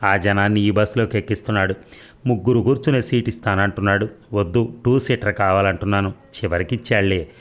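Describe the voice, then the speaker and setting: A man's voice: on the low side, steady tone, fairly quick, natural voice. A man reading a teasing young lover. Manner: playful, coaxing.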